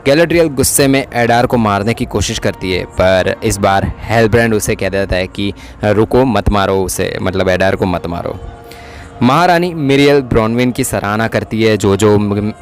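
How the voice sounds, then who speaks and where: Man, lowish voice, casual chatty episode-recap narrator. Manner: chatty retelling with frequent tag questions. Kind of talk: casual Hindi plot recap.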